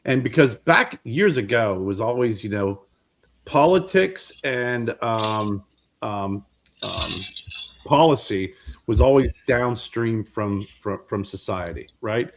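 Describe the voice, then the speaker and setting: A low-voiced man in his fifties talks casually on a podcast. He rambles and circles back over his words as he works out a point. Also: animated, takes it slowly. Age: 50s. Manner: rambling, repeats words while searching for them. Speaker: podcast co-host. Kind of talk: casual chat.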